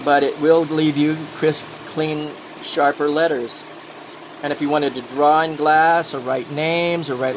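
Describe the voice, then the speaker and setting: A man with a somewhat high voice talks through a practical demonstration in a loose, rambling way. His speech sounds toothless, the consonants slightly soft and mushy. A loud, steady engine-like noise runs behind him. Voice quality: toothless, slightly mushy articulation without dentures. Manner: rambling, talks himself through each step. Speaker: glassworking instructor. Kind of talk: informal hands-on demonstration.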